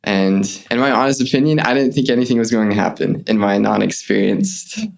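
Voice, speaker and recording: Earnest young man with gravelly voice. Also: mid-range voice, brisk. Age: young adult. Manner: earnest, animated retelling with quoted voices. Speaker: guest, returned missionary. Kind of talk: conversational interview storytelling.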